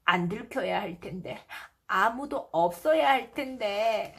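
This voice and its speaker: A woman's voice: mid-range voice, animated, takes it slowly, creaky, a bit bright, husky, heavily acted. A woman voicing an anxious little schoolboy in a storybook, fretting and questioning himself while reading to toddlers. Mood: worried. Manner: fretful, self-questioning. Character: anxious little schoolboy fretting about his new tail.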